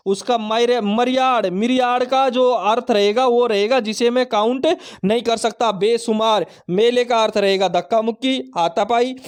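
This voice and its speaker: High-pitched smooth male teacher. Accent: Hindi-speaking Indian. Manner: repetitive, drilling with mnemonics and self-questions. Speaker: vocabulary teacher. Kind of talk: online exam-prep lesson.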